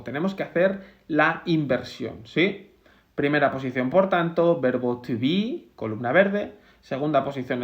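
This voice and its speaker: A man's voice: a little high, dull audio. A man from Spain with a Spanish accent, teaching English grammar and patiently repeating examples step by step. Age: adult, over 20. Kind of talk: grammar lesson.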